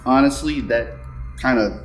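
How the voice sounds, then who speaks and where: A man's voice: medium pitch, moderate pace, faint music behind. A man talking casually to camera as a paranormal investigator, rambling and self-deprecating. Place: stuffy indoor upper room.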